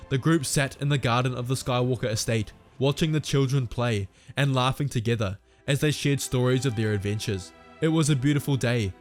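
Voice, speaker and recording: A man giving steady, dramatic scripted storytelling narration. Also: medium pitch.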